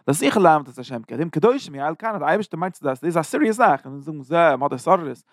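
A man teaching a text chapter in quick, run-on explanations full of Hebrew terms, rising animatedly when he retells dialogue. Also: fairly high pitch, animated, no room sound, studio quality. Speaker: Torah teacher. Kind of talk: chapter lesson in Yiddish-flavored German.

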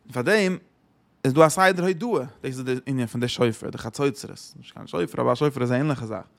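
A man's voice: medium pitch, fast, gravelly. A man giving a religious lesson who asks rhetorical questions and repeats his phrases. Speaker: Torah teacher.

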